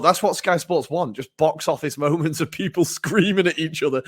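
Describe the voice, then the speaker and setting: A man co-hosting a football podcast, talking in an animated way, laughing and swearing now and then. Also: medium pitch, dry recording, clean studio sound. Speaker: podcast co-host. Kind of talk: casual football analysis.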